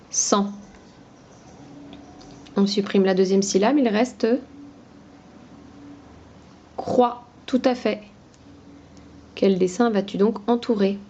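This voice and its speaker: A woman teaching a phonics lesson to young children, talking slowly and patiently in a sing-song voice. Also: mid-range voice, darkish tone, slight background noise.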